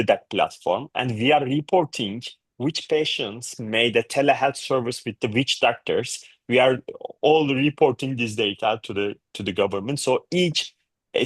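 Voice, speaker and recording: A man, a startup founder answering a panel's questions on a video call, halting with many restarts. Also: mid-range voice, dry recording. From Turkey.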